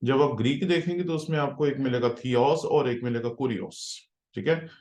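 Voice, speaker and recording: With a mid-range, slightly mellow voice at a fairly quick pace, a man who is a pastor leads an online lesson in Hebrew reading. He works through things patiently step by step, often saying "theek hai" to check students are following, in a roomy-sounding space.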